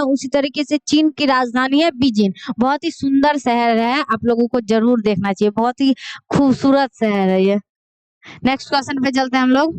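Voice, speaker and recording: A woman's voice: high voice, clean tone, no echo. A woman teaching an exam-prep class, reading out each question, then repeating the answer and explaining it patiently while calling her students kids.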